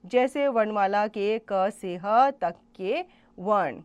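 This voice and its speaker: Slow, careful female grammar teacher. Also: medium pitch, a little mellow, clear, resonant tone, muffled recording. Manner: slow, careful explanation, spells out letters one by one; addresses children directly with questions. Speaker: school teacher. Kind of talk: classroom grammar lesson.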